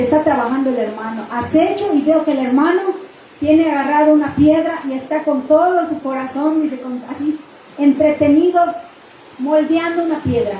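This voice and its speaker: High-voiced woman preaching in an echoey hall. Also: warm tone, slight background noise. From Mexico. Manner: retells an anecdote with quoted dialogue and repetition. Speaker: pastor. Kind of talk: sermon storytelling. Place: church hall.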